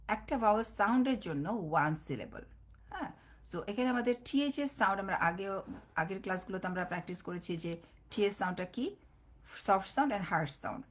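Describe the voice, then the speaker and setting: A woman, a phonics teacher giving a live online class, mixing in English words and slowly drawing out each letter sound. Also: lowish voice, breathy edge. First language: Bengali. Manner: slow, drawn-out sounding of letters; mixes English words into explanations.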